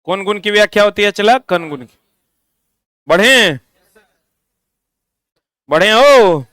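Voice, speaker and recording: A man's voice: high-pitched, animated, takes it slowly, fairly bright tone, no room sound. A man with a Bihari accent teaching a class, drilling students with repeated questions and scolding them. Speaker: coaching teacher. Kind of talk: classroom lecture.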